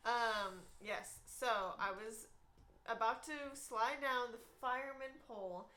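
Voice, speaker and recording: A woman's voice: on the high side, slow pace, sharp tone. A young woman from Texas hosting a youth ministry livestream from home, chatting casually and giggling as she tells stories.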